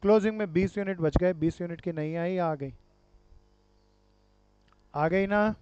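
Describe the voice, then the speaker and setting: This commerce teacher, a man with a high, clear voice, is giving a classroom lecture on accounts and quizzing his students, whom he calls dear friends and brother. He speaks unhurriedly with a darkish tone and no echo, though the recording sounds dull and lo-fi.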